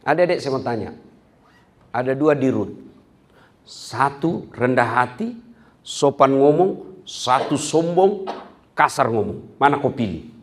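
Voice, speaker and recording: A middle-aged man, giving a humorous sermon that swings from loud to soft. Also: medium pitch, slow pace, pauses often. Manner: lively, acts out quarrels in a raised voice, swings from loud to soft. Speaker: preacher.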